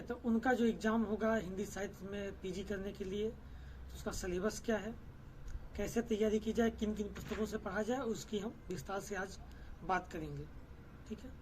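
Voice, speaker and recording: A woman's voice: mid-range voice, a little mellow, slight background noise. A young woman teaching, steadily explaining an exam syllabus with frequent fillers.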